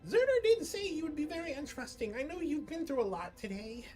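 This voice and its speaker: A tiny pixie secretary voiced by a woman at a game table, high and sweet. She coaxes and soothes in a gentle, reassuring way, with music underneath. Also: very animated, quick pace. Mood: tender, soothing. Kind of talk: character voice in tabletop role-play.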